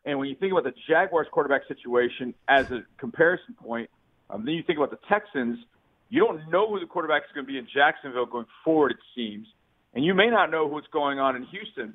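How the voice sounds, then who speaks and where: A man's voice: a little high, animated, quick pace, slightly rough. Male sports reporter phoning in over Bluetooth, lo-fi and tinny, easygoing storyteller. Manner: chatty, easygoing storyteller who laughs often. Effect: phone call over a Bluetooth line that cuts in and out. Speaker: sports reporter calling in as guest. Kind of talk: casual sports radio chat by phone. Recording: tinny lo-fi phone line.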